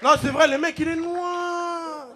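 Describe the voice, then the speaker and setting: A man from the Congo doing loud, joking stand-up comedy on a TV stage, laughing through his lines. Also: extremely high pitch, steady tone, measured pace, crowd noise, background noise. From Democratic Republic of the Congo. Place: TV studio stage with a live audience.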